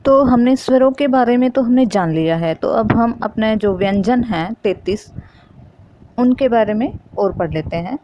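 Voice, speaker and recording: A woman's voice: on the high side, normal speed, muffled recording, slight background noise. A woman teaching a Hindi grammar lesson for exam preparation, explaining step by step and repeating key terms.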